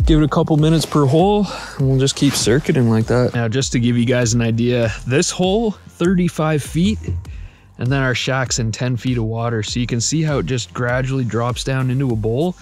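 Speaking at a medium pitch, this Ontario-born fishing channel host in his thirties keeps his outdoor vlog upbeat and chatty. He's recorded on a camera mic, both out on a frozen lake and inside a small tent.

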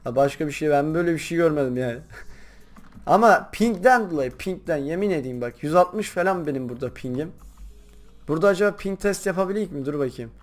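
A young man chatting casually while playing a game, rambling to his viewers and breaking into loud excited shouts. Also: on the high side, fairly quick, soft background music. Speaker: gaming YouTuber. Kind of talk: casual gameplay commentary.

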